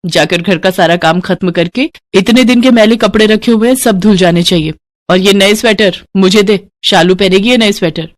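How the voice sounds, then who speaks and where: A woman's voice: mid-range voice, normal speed, lightly acted. A woman voicing a cruel village stepmother who threatens and mocks harshly. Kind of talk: animated storybook voice acting.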